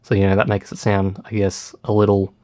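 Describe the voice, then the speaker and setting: Male producer, low-ish voice, dry sound, casual and self-deprecating tutorial delivery. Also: a little fast, no echo. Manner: relaxed, lots of fillers, self-deprecating. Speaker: music producer.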